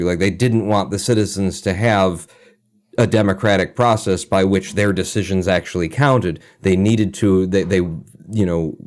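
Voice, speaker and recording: A young man co-hosting a casual podcast chat, telling animated stories, laughing often and slipping into mimicked voices. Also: sits low. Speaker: podcast co-host.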